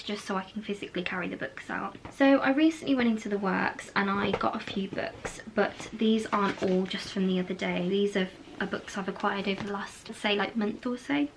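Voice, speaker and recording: A woman talks casually to camera about her books, indoors under a ring light. She rambles along with many fillers at an ordinary pitch. A faint noise sits under her voice. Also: fairly even intonation, normal speed, low-quality recording. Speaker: book vlogger and indie author. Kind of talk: casual chat.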